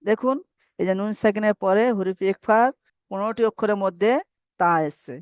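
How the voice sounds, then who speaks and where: A man's voice: high-pitched, steady tone, moderate pace, a little mellow, clean tone, dry recording. A man teaching Quran recitation rules in a patient, repetitive way and having students recite after him. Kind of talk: online tajweed lesson. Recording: dry, dull lo-fi mic.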